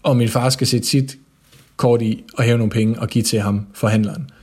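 Guy telling a story, kinda husky, lots of ums and pauses. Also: medium pitch. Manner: relaxed, hesitant, many fillers. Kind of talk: casual personal storytelling.

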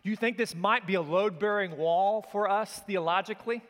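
Pastor guy, kinda high voice, big echoey church hall, gets fired up telling the story. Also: normal speed. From Oklahoma. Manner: animated storyteller, rises in pitch and energy when excited. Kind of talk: sermon. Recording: long reverb of a church hall.

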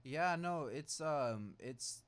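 A young man hosting a casual interview, talking haltingly with lots of "like" and restarts. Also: on the high side, expressive. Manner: halting, frequent "like" and "mm-hmm".

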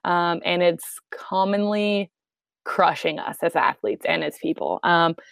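Chatty woman sports psych guest, lower voice. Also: a little slow, vocal fry, a bit bright, clean tone, no echo. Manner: chatty, frequent "um" and "right?". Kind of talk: conversational explanation.

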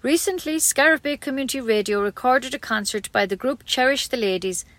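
A woman's voice: sits high, a little fast, a bit bright, dry recording. Irish woman presenting radio, dry sound. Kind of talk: scripted radio introduction.

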